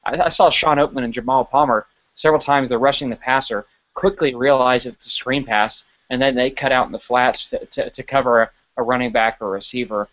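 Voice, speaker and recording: A man's voice: mid-range voice, a little fast, hardly any pauses. Man talking sports on a dull-sounding podcast. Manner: animated, stumbling restarts while analyzing. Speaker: podcast co-host. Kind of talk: casual sports podcast chat.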